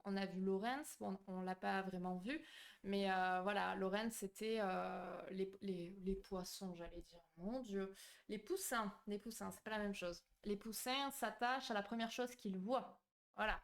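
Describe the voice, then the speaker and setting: A woman with a mid-range, unhurried voice and some vocal fry hosts a psychology live stream from a home mic, casually greeting chat and reading messages. She's chatty and warm toward viewers, her hesitant delivery full of "euh," fillers and restarts.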